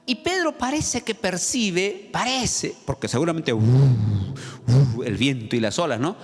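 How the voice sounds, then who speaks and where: A man's voice: a little high, expressive, a little slow. A man, the pastor, preaching a sermon with dramatic storytelling and questions to the congregation. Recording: long church-hall reverb, faint music.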